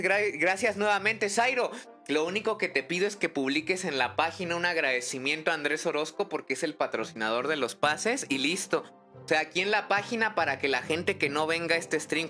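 A man streaming a game live, chatty and excitable, thinking aloud and greeting viewers in the chat by name. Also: on the high side. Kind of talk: casual live-stream chat while gaming.

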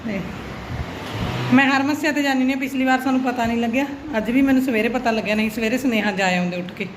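High female voice, Punjabi accent, dramatic exclamatory auntie, middle-aged, casual vlog talk, noisy handheld recording. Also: quick pace. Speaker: vlogger. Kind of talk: casual family vlog chat.

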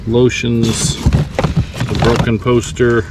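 A man's voice: mid-range voice, completely flat delivery, takes it slowly. A man from Nebraska casually chatting outdoors while sorting through a storage unit. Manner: chatty, upbeat, calls out finds. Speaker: reseller vlogger. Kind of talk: casual chat while unboxing. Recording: loud outdoor noise.

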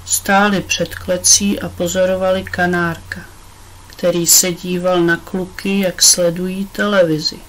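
A woman reading a children's book aloud with expressive storytelling. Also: fairly low pitch, a little hiss or hum, rough recording. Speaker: audiobook reader. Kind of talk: children's audiobook narration.

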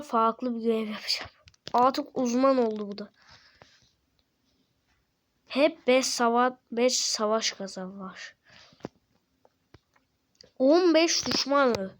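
A woman hosting a gaming channel, giving excited gameplay commentary, slangy and playful as she cheers on and taunts her teammates. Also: fairly high pitch, slight background noise.

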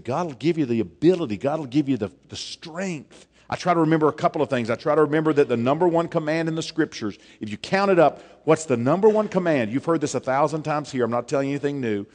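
A man, preaching an animated sermon on a church stage, dropping to a hush for emphasis. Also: a little high. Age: 40s. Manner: animated, gestures widely, drops to a hush for emphasis. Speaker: pastor. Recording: long reverb of a church hall.

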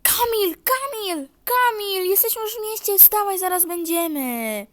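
Woman playing an impatient wife, shrill, urgent calling, comedy skit. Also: lively intonation, measured pace, fairly bright tone, no echo, exaggerated voice. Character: impatient wife waking her husband.

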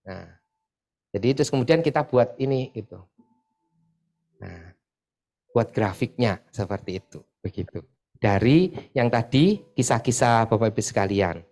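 A man's voice: mid-range voice, measured pace, pauses often. Chatty man leading a church sharing session. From Pasuruan, East Java. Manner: chatty, often adds filler tags, lively when retelling stories. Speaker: church group facilitator. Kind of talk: casual sharing talk to a church group. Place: church meeting room.

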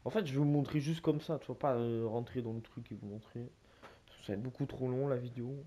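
A young man with a French accent talks through a game's item shop in a loose, slangy, rambling way, chatting to viewers as if they were mates. His voice is dark and mellow, sitting in an ordinary middle pitch. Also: steady tone, fast. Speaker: gaming YouTuber. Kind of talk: casual gameplay commentary.

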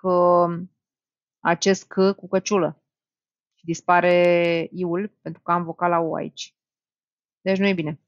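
A woman's voice: fairly low pitch, no room sound, lo-fi sound. A woman teaching an exam-prep language lesson, talking straight to her students and thinking aloud as she works through answers. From Romania. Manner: lively, talks to students directly, thinks aloud.

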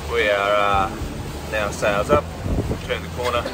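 A man's voice: on the low side, steady tone, unhurried. A man hosting a sailing vlog, talking casually and matter-of-factly from his catamaran. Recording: music playing under the voice.

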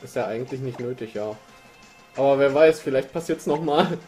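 A man's voice: medium pitch, brisk, a little mellow. A man chatting casually as he plays a video game and reads out its lines in a silly, playful manner. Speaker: let's player. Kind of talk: casual gameplay commentary, reading game dialogue aloud. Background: game music.

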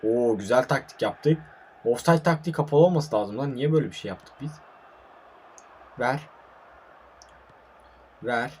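A man's voice: mid-range voice, measured pace, pauses often, darkish tone, a little hiss or hum. A young man giving live commentary over his own online football match, frustrated and swearing as he plays. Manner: frustrated, swearing, talking to himself and viewers.

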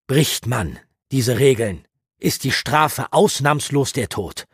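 A man voicing a gruff, guarded older male mentor in an audiobook, speaking in a grave, lecturing way with a husky voice. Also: medium pitch, expressive, slow pace, dry recording, clean studio sound, voice pushed up, heavily acted. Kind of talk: audiobook character reading.

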